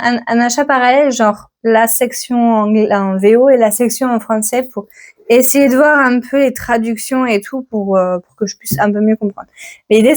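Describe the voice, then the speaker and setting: A woman's voice: a little high, darkish tone. A woman hosting a book channel, chatting casually and self-mockingly about upcoming releases while thinking aloud. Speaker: book vlogger. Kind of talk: casual chat about new books.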